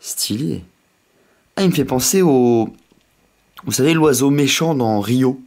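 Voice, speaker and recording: A man gives casual, chatty commentary as he opens packs on camera. He has a mid-pitched voice and a slight lisp, and his manner is excitable, with quick exclamations. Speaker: host of a card pack opening video.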